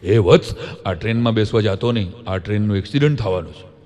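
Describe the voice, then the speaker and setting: A man putting on God's booming voice from the sky. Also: animated, fast, a little mellow, in a large hall, lightly acted. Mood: solemn. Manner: solemn and commanding. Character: booming deep voice of God from the sky.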